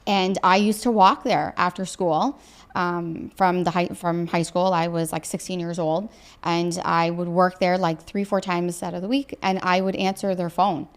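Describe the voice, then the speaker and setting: A woman from Ontario co-hosting a casual podcast, chatty and quick to laugh. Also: on the low side, fairly even intonation. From Ontario, Canada. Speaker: podcast co-host. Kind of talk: casual chat.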